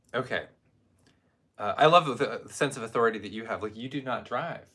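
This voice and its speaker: A man's voice: medium pitch, animated, normal speed, pushed and bright, slightly rough. A man co-hosting a casual perfume review, rambling with wry jokes and asides. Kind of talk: casual chat.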